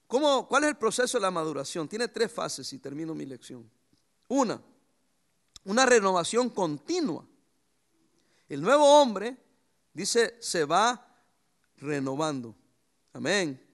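A man preaching a sermon as pastor, lively and anecdotal, with sudden jumps in pitch. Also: a little slow, pauses often.

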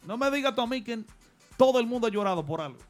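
With a very high-pitched voice, lively intonation, and a quick pace, a man from the Dominican Republic recounts his life on a radio show and gives advice in earnest. He has a Dominican accent, and soft music plays in the background.

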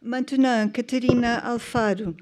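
A woman's voice: a little high, fairly even intonation, moderate pace, darkish tone. A woman gives an informal introduction in French, hesitantly searching for her words. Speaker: presenter introducing a speaker.

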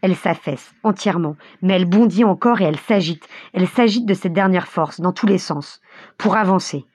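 Brief: woman audiobook narrator, husky, expressive, dry close mic. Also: fairly low pitch, brisk, no echo. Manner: vivid, expressive storytelling.

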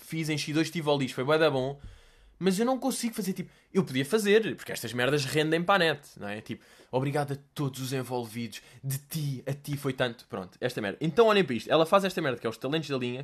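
A man's voice: medium pitch, expressive, quick pace. Sarcastic young Portuguese man. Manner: mocking, profane, laughing asides. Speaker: vlogger. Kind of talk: sarcastic commentary.

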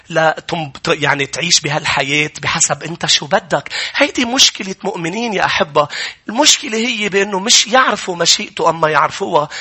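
A man's voice: high-pitched, pushed and bright, breathy edge. A man with a Levantine Arabic accent preaching a sermon, emphatic, repeating key phrases and putting questions to his listeners. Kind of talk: sermon, exhorting a congregation.

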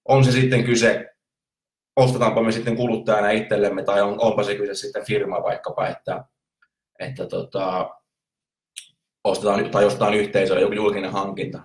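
A man's voice: on the low side, echoey room. A man hosting a podcast, giving marketing advice in a rambling monologue with many restarts. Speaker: podcast host, marketing coach. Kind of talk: casual monologue.

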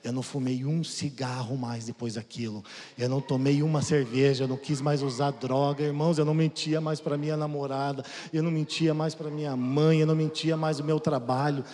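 A man giving an emotional testimony sermon to the congregation, swinging between loud and soft and often calling out to his brothers. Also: a little high, flat delivery, brisk. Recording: long hall reverb.

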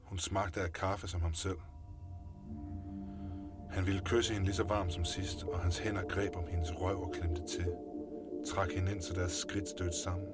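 A man narrating a scripted story in a calm, low-key way. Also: long pauses. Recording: music playing underneath.

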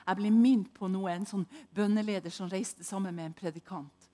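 A woman preaching a sermon, telling a personal story dramatically and moving between hushed and loud delivery. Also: medium pitch, fairly even intonation.

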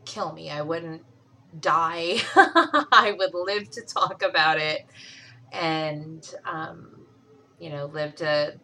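A young woman with a lowish, forceful, bright voice speaks bluntly and swears freely. She talks in a casual, candid conversational way as a podcast co-host. A faint hiss sits behind her. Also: rough recording.

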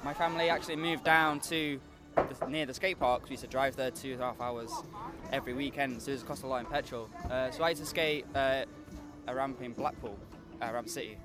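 A man's voice: medium pitch, steady tone, a little fast, music in the background. A nineteen-year-old man from Liverpool, a skateboarder being interviewed at an outdoor event, who answers hesitantly with many filler sounds. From Liverpool, England. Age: young adult, 19.

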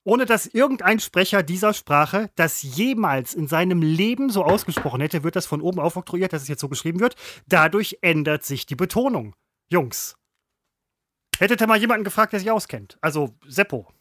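A man's voice: high voice, animated, normal speed, fairly bright tone, no echo, studio quality. A man co-hosting a casual chat, pedantic and teasing, drawing out his examples. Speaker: podcast co-host.

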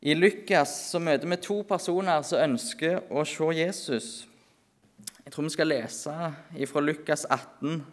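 A man preaching an earnest sermon at a church meeting, often slowing and softening his voice for emphasis. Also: fairly high pitch.

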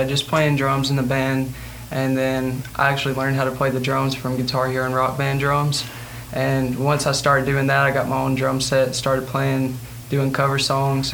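A man's voice: mid-range voice, a bit bright, a little hiss or hum, low-quality recording. A young man, a drummer answering interview questions in a laid-back, matter-of-fact way. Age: young adult. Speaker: band drummer.

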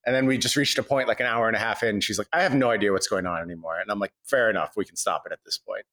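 A man chatting as a podcast co-host, recorded on an old microphone in a large high-ceilinged wooden kitchen that makes him sound echoey. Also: rapid-fire, pushed and bright. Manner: chatty, playful complaining. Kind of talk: casual podcast chat.

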